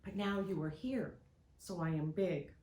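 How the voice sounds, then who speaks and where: A woman's voice: on the low side, a little slow, a little mellow, slight background noise, close to an everyday voice. A woman voicing an earnest, wondering six-year-old girl from a storybook, with a roomy echo. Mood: confiding.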